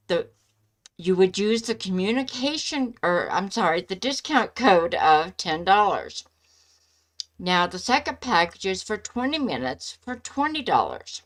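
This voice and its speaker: A woman chatting casually as a live stream host, speaking in a halting way with pauses mid-sentence. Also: mid-range voice, a bit bright. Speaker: live stream host giving psychic love readings.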